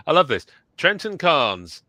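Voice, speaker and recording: A man from England co-hosting a live podcast sounds a little high and sing-song, his voice pushed and bright, and he takes his time. He's recovering from a cold, so he's a bit throaty, but he chats and jokes casually. The studio-quality audio has no echo.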